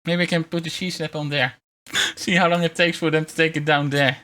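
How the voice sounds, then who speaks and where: A man livestreaming in a casual chat, talking in a halting, rambling way with wry, self-deprecating grumbles. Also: fairly high pitch, fairly even intonation, sharp tone. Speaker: VTuber streamer.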